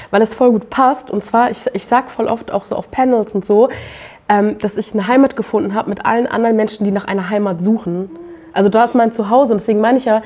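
A young woman poet speaks on a live panel in a relaxed, chatty way. Her voice is mellow and a little higher than average, and she tells her stories with lively energy. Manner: casual, animated storytelling with laughs.

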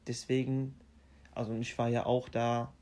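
A young man whose first language is Arabic is being interviewed casually. His voice is even and middle-pitched; he speaks haltingly, often restarts sentences, and keeps his phrasing plain and simple.

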